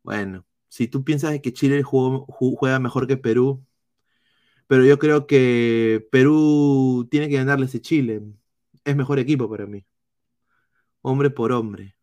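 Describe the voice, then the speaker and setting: A man with a Peruvian accent doing live football analysis, reading chat comments in a blunt, swearing style with halting restarts. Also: mid-range voice, fairly even intonation, darkish tone. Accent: Peruvian Spanish. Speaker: football streamer.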